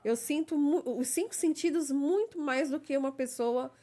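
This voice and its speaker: Woman, interview guest, slightly high voice, careful and somewhat hesitant delivery. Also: moderate pace, warm tone. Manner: explains carefully, often adding a checking "né?". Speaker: guest, legal assistant. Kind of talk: personal conversational interview.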